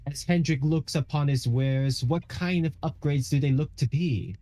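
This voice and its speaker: A man's voice: a little high, moderate pace, warm tone. A man playing a tabletop game who muses and thinks aloud hesitantly as he plays. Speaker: player. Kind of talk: casual tabletop game play.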